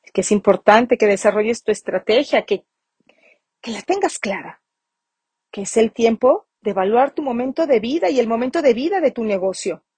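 A woman's voice: on the high side, animated, normal speed, darkish tone, husky, no room sound. A woman hosting a motivational business podcast, speaking emphatically and repeating phrases for stress. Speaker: podcast host.

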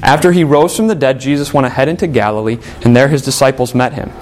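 A man preaching a sermon as a pastor, earnest, and dropping to a soft, low voice when quoting Jesus. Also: fast, slight background noise. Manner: earnest, drops to a soft low voice for quoted words.

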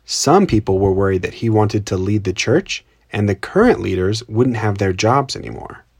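Lowish-voiced man co-hosting a children's podcast. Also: expressive, moderate pace, darkish tone, husky, no room sound, studio quality. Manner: simple child-directed explaining. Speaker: podcast co-host. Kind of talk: scripted children's storytelling podcast. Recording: makeshift home recording without usual mic.

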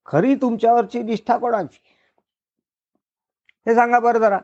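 A man's voice: extremely high pitch, fairly even intonation, moderate pace, dark tone, highs cut off, pitched above the performer's own voice. A man voicing a mischievous old male sage who asks coaxing, teasing questions.

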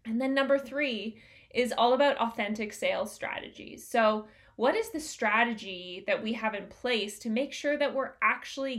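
A woman's voice: a little high, fairly bright tone. A woman hosting a solo business-coaching podcast, talking in an upbeat, conversational way with plenty of fillers.

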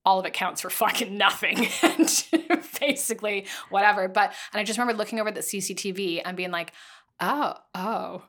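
A woman's voice: medium pitch, quick pace, few pauses, a bit bright. A woman in her thirties telling candid stories in casual chat, full of "like", swearing freely and acting out quotes. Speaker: podcast guest storyteller. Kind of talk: casual chat, anecdotal storytelling.

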